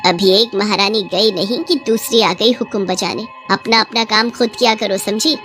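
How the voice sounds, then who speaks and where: A sharp-tongued old mother-in-law scolds and complains in a slightly lowered voice, as a woman narrator puts her on. It is a cartoon storybook voice, with soft music in the background. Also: fairly even intonation, moderate pace, natural voice. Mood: scolding. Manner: sharp and nagging.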